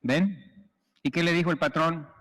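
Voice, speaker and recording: A priest preaching a sermon and telling stories with humor in an animated way, in a long church reverb. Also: male voice, fairly high pitch, measured pace.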